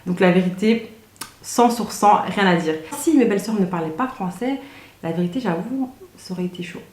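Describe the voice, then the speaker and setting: A young woman chats to her camera in a relaxed, slangy vlog style. She keeps circling back with fillers and restarts, her pitch sitting in an ordinary middle range. The room around her rings with a noticeable echo. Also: moderate pace. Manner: chatty, loose, slangy, many fillers and restarts. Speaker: vlogger. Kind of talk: casual chat to camera. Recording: roomy echoey room.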